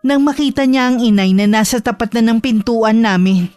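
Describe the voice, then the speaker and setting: A woman's voice: on the high side, moderate pace, darkish tone, no room sound, faint music behind, lightly acted. A woman narrating in the first person as a grieving young working woman, in a reflective, worried tone.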